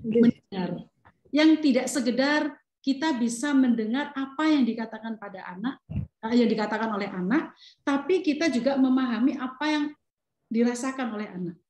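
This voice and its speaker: A woman's voice: a little high, moderate pace, darkish tone, roomy sound. A middle-aged woman giving a parenting lecture, talking with the audience and acting out the lines of parents and children. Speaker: parenting seminar speaker.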